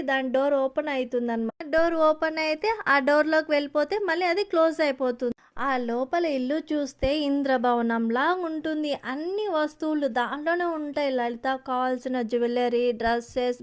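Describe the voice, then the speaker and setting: Chatty storyteller for children, high-pitched woman. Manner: chatty, repeats fillers. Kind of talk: casual storytelling for kids.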